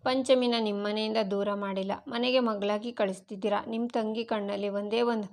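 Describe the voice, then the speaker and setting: A woman's voice: medium pitch, steady tone, moderate pace, close to an everyday voice. A woman voicing an earnest young bridegroom reassuring the bride's brother.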